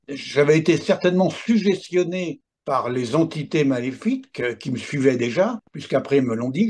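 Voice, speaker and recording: Husky older man telling his story. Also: fairly high pitch, a little mellow. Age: 70s. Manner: emphatic storyteller, adds asides like "hein, attention". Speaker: interviewee recounting paranormal experiences. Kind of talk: animated personal testimony.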